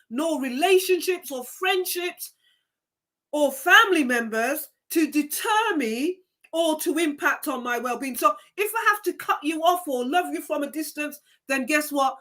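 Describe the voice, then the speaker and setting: Female live-stream host, Jamaican accent, high and bright voice, preachy and emphatic, repeats her points. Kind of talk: motivational live-stream talk.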